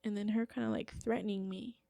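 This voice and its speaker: A woman's voice: medium pitch, fast, creaky, dry recording, studio quality. A woman in her twenties, a podcast guest telling a story in casual chat, acting out the quotes and saying "like" a lot. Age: 20s. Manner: animated, acts out quotes, heavy use of "like".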